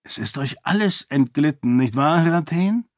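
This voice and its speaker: A man voicing a small, fanatical male priest who speaks slowly and in a hushed, menacing way. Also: fairly high pitch, expressive, no room sound, studio quality, pitched above the performer's own voice. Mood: gloating, menacing.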